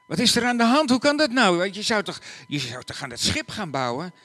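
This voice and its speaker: A man's voice: fairly high pitch, wildly swooping pitch, a little slow, fairly bright tone, pitched above the performer's own voice, heavily acted. A man doing a questioning young woman. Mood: surprised. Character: young expectant woman, surprised and caring.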